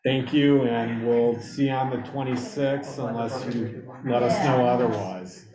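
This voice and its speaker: Play it as an unhurried man chairing a town board. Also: mid-range voice, fairly even intonation, crowd noise. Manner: slow, procedural, calls roll votes. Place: town meeting room. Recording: echoey room with background noise.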